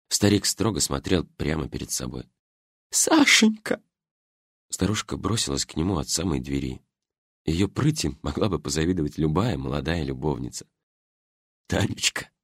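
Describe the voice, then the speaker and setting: A man reading a first-person story as an audiobook narrator, with an expressive storytelling delivery. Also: very deep voice, gravelly, slightly rough, dry recording, clean studio sound.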